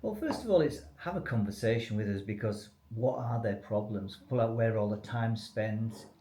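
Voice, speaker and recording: In a business webinar, a spokesman for a company explains matters casually and without a script, his structure loose. His voice is low, animated and mellow at a moderate pace, captured in an echoey room with faint noise.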